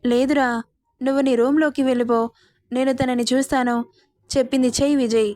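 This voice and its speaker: A woman's voice: fairly high pitch, fairly even intonation, a little fast, a little mellow, no room sound, clean studio sound, lightly acted. A woman reading the part of a firm, traditional middle-aged mother in a story. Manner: firm, insistent.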